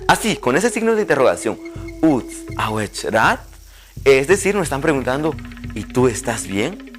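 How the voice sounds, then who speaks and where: A man, a language teacher giving a televised lesson and slowly spelling out pronunciation drills. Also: mid-range voice, sing-song, soft background music. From Guatemala.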